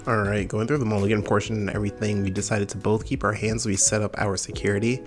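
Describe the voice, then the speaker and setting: Over music, a young card game channel host delivers fast, upbeat gameplay commentary in casual gamer style. His voice is on the low side with a flat delivery, and a summer cold leaves it slightly nasal.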